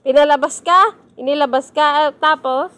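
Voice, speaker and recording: Casting: Filipino woman with a high voice, playful teasing questions in casual home chat. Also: steady tone, normal speed, a bit bright. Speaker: family member questioning a small child.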